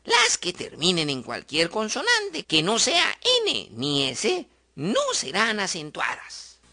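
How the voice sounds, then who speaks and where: A woman narrating a scripted spelling lesson, slowly sounding out stressed syllables in her example words. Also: mid-range voice, wildly swooping pitch, pushed and bright. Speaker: teacher.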